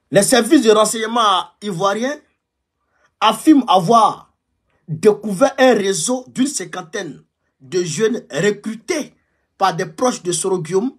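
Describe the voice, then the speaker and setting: A man with a notably high, husky voice delivers fiery revolutionary political commentary to his followers. He is emphatic, repeating key phrases for effect.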